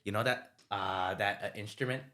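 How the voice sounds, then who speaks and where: A man's voice: on the low side, fairly even intonation, moderate pace, bright, forceful tone. A young man hosting a podcast, playing a silly sound-guessing game with a friend and laughing a lot as he talks. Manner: laughs often, playful, restarts sentences. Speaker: podcast host. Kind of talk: casual chat, improv sound game.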